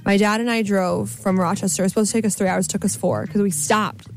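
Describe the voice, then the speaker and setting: A woman's voice: mid-range voice, fairly even intonation, fast talker, soft background music. A young woman with dry, sarcastic humor, telling rambling stories in a casual chat in a radio studio. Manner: rambling storyteller. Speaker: former station manager, radio guest.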